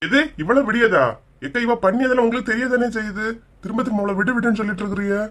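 Woman doing a gruff angry village man. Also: a little high, fast, fairly bright tone, voice pushed down, natural voice. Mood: angry, bossy. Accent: Kanyakumari Tamil. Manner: gruff, bossy. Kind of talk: cartoon voice acting.

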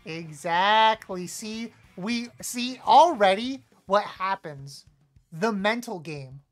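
A woman streaming a live game, trash-talking playfully, apologizing to teammates and suddenly yelling when a play goes wrong. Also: mid-range voice, slow pace, soft background music. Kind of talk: live gameplay commentary.

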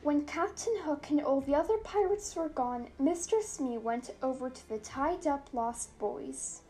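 A woman reading a children's story aloud as storyteller, clear and expressive. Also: high voice, a little slow. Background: soft music.

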